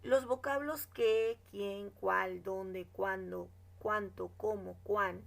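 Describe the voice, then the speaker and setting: A woman's voice: mid-range voice, fairly even intonation, creaky. A woman teacher explaining grammar rules in a classroom lesson, reading example sentences and checking in with her students. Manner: explains slowly, checks with "¿no?" and "¿de acuerdo?"; reads example sentences aloud.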